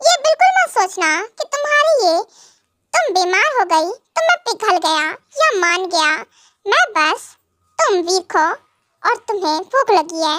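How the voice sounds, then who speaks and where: A woman's voice: extremely high pitch, fairly bright tone, no echo, studio quality, full character voice. A woman voicing a stubborn, hot-tempered young husband in a fan-made audio drama. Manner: scolding, stubborn.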